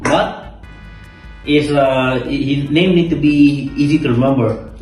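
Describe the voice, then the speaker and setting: A man's voice: medium pitch, steady tone, slow, a little mellow. A young man, a content creator, chatting casually and emphatically, repeating his words and swearing freely. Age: young adult. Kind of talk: casual chat during a mukbang. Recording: echoey room, distant mic, background music.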